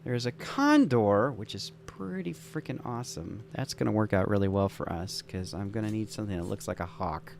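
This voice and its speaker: A man's voice: lowish voice, very animated, moderate pace, gravelly, few pauses, a little mellow, a little hiss or hum. A man casually talking through building a game scenario, thinking aloud with enthusiastic, rambling asides. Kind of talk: casual gameplay commentary.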